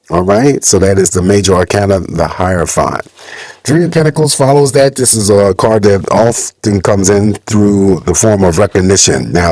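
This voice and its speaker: A man's voice: fairly low pitch, darkish tone, no echo. A man giving a casual tarot reading to viewers, his voice muffled by a lingering cold, speaking in an informal, conversational way. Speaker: tarot reader hosting a channel.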